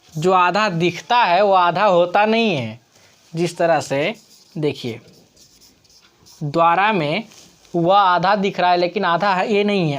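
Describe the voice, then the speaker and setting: A woman teaching a grammar lesson at a very slow, patient pace, in a slightly low voice. She keeps asking her students questions and then answers them herself. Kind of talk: classroom lesson explaining grammar on screen.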